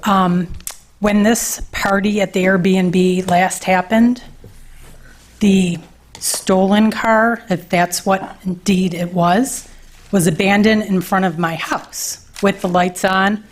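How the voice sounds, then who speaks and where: A woman's voice: medium pitch, steady tone, slow. A woman speaking as a resident at a village board meeting, telling a story at length and asking questions. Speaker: resident speaking at public comment. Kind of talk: public comment at a meeting.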